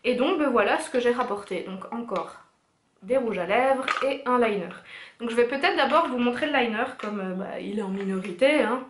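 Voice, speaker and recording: A woman's voice: a little high, lively intonation, moderate pace, slight background noise. A young woman chatting casually and enthusiastically in a beauty haul vlog, with many fillers. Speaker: beauty vlogger. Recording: echoey room.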